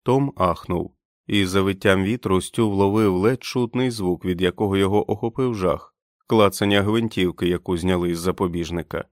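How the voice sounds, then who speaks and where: A man narrating an audiobook in a measured, even reading voice. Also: deep voice, dry recording, studio quality. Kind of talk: scripted narration.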